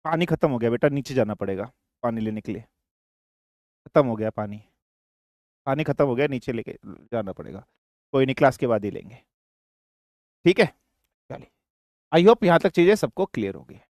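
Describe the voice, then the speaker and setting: This older man teaches physics online with a mid-range, darkish voice, animated and moderately paced, pausing often. With a dry throat, he repeats his questions, addresses students as beta, and blends Hindi and English. The recording is dry.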